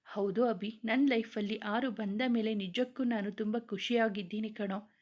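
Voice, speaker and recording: A woman reading the lines of a gentle, caring young husband in a storybook tale. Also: mid-range voice, steady tone, normal speed, dull audio, lightly acted.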